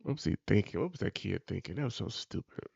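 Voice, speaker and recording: A man's voice: on the low side, animated, fast talker, vocal fry, darkish tone, husky, no echo, dull audio. A man giving casual, colloquial reaction commentary in an exasperated, preachy way.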